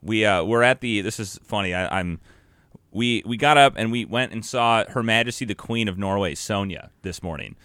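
A man's voice: fairly low pitch, moderate pace, bright, forceful tone, clear, resonant tone, dry recording. An American man co-hosting a podcast with casual banter. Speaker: podcast co-host.

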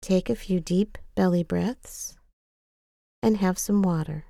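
Gentle, compassionate woman, mellow and creaky. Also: fairly low pitch, dry recording, clean studio sound. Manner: gentle, compassionate, unhurried coaching. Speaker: writing exercise guide. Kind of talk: scripted guided self-care exercise narration.

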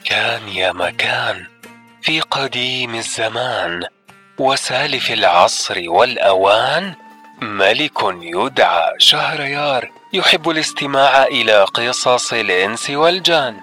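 Bright-voiced man opening an Arabic folk tale. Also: medium pitch, animated, measured pace, faint music behind. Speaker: podcast intro narrator. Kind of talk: scripted folk tale storytelling introduction.

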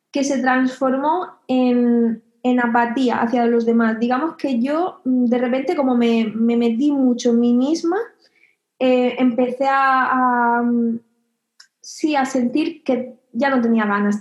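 Young woman sharing her story, pauses a lot, kinda high voice, muffled lo-fi audio. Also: darkish tone. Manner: hesitant, reflective, with many pauses and fillers. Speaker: interviewee. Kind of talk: personal testimony. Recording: echoey room, dull lo-fi sound.

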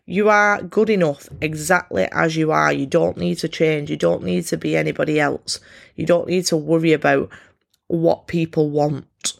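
A woman hosting a solo self-help podcast, talking candidly and encouragingly in a croaky, froggy voice with a congested nose. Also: low-pitched, fairly even intonation, normal speed. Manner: candid, informal, encouraging, swears freely. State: congested, snotty nose from a cold. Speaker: podcast host.

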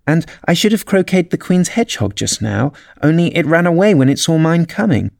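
A man's voice: medium pitch, animated, normal speed, vocal fry, darkish tone, no room sound, clean studio sound, voice pushed up. A man reading aloud voices a polite, anxious young girl with a prim, complaining way of talking. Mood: fretful.

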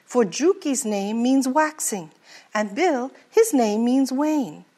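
A man's voice: extremely high pitch, animated, takes it slowly, warm tone, heavily acted. A woman voicing a seafaring merchant from the far north who tells a tender moon legend in rhyme. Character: gentle Icelandic sailor-merchant, fond storyteller.

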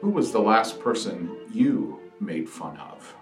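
A man reading a Good Friday scripture passage and leading prayers in a slow, deliberate, solemn way. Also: on the low side, sing-song. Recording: echoey room, voice from a distance, soft music behind.

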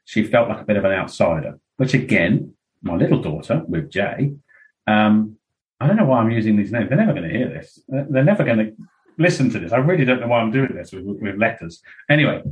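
Low-voiced man talking frankly. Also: rough recording. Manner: rambling, frank, with many "um"s and quoted asides. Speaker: interview guest. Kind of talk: candid podcast conversation.

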